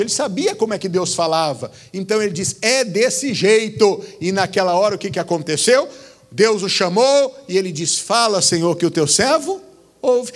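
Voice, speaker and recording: A man preaching a sermon, exhorting his listeners with rhetorical questions and calling them brother. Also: high-pitched.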